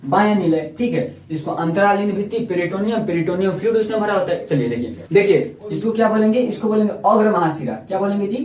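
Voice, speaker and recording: A man's voice: high-pitched, fast talker, few pauses, a little mellow. A man teaching a biology lesson, repeating each term and quizzing the listener as he goes. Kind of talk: classroom lesson. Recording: echoey room, voice from far off.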